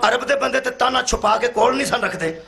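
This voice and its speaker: A man preaching a sermon, acting out dialogue and rising to shouts. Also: extremely high pitch, lively intonation, fast talker, vocal fry. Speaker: Shia cleric giving a majlis sermon. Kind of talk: sermon to a live gathering. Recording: live hall with loud crowd. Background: crowd responses.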